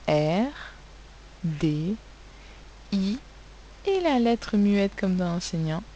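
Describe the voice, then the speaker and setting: Slow, patient woman teaching phonics. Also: medium pitch, dark tone, a little hiss or hum, low-quality recording. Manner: slow, clear, spelling sounds letter by letter. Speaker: primary school teacher. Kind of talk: recorded phonics lesson.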